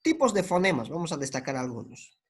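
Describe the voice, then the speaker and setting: Un hombre que da una clase de lingüística con acento boliviano, explica despacio, deletrea sonidos y letras y suele añadir preguntas como "¿no es cierto?". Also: male voice, fairly high pitch, sing-song, slightly rough. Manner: explains slowly, spells out sounds and letters, many tag questions. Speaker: teacher. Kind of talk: lecture.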